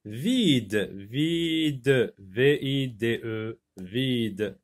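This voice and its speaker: A man's voice: mid-range voice, animated. A man teaching a phonics lesson, patiently repeating words and spelling them out letter by letter. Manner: slow, deliberate word repetition.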